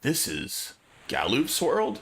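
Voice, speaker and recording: Man with lively pitch, casual game commentary. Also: takes it slowly. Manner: jokey, slangy. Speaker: video game player and commentator.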